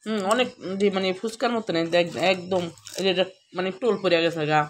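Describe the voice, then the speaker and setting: This home vlogger and mother speaks quickly at a medium pitch with a Bangladeshi accent. She keeps a casual, colloquial cooking chat going with viewers at home, partly while frying in the kitchen, on a noisy recording full of clicks.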